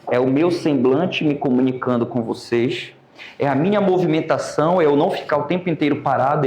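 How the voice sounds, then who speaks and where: A Brazilian man teaching an oratory class, lecturing lively and calling on students by name. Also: on the high side, roomy sound. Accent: Brazilian Portuguese.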